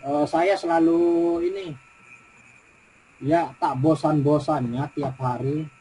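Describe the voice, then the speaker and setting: A middle-aged man with a West Javanese Indonesian accent, a teacher in a coaching practice conversation, talking haltingly with many fillers and repetitions. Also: on the high side, steady tone, mellow, slight background noise, rough recording. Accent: Indonesian, West Java.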